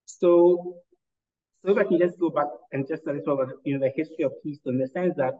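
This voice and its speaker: A Ghanaian lawyer and entrepreneur answers interview questions articulately and analytically, measured and with some fillers. His voice is a little high, and the sound is phone quality.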